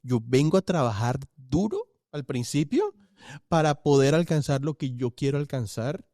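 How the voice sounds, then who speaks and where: A man hosting a podcast interview, chatting in a relaxed way and sharing personal anecdotes. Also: on the high side, moderate pace, dry recording, studio quality. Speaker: podcast host. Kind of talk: conversational interview.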